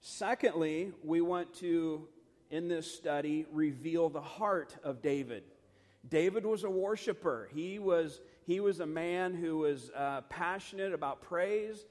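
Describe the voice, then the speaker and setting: A middle-aged man teaching scripture in a relaxed, earnest way, with a slightly higher voice than most men. He restarts his sentences and fills pauses with ums and you-knows. The hall gives his words a long reverb. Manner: earnest, conversational, many fillers and restarts. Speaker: pastor. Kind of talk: Bible study teaching.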